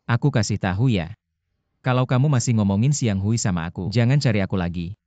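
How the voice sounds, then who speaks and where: Dub role: man voicing a snappy, sarcastic young suitor, low mellow voice, quick delivery, dry lo-fi sound. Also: dry recording, lightly acted. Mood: exasperated. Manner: sarcastic, blunt. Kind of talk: dubbed TV drama dialogue. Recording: dull lo-fi dubbing, dry.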